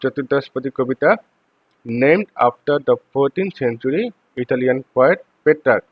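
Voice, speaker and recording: Male teacher with a Bangladeshi accent, measured and slow delivery, dry and slightly dull recording. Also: mid-range voice, no echo. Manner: reads English phrases slowly, explains them faster. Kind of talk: lecture reading English text and explaining in Bengali.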